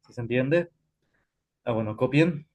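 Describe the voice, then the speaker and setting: Man, classroom physics lecture, mid pitch, halting delivery with filler words. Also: a little mellow. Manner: halting, frequent "este" fillers, self-correcting. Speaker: physics teacher.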